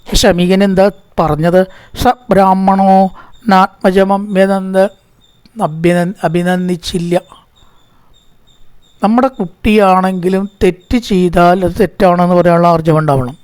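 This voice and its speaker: A man with a Malayali accent teaching a scripture class, chanting verses slowly and then explaining them quickly in plain speech. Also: high voice, fairly even intonation, a little mellow, clean tone, dry recording.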